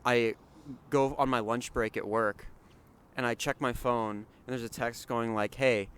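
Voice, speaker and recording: Laid-back young man, smooth voice. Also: mid-range voice, steady tone, a little slow, fairly bright tone. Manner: laid-back, slangy, says "dude" and "man". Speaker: podcast co-host. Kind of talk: casual chat. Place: outdoors at a mall parking lot.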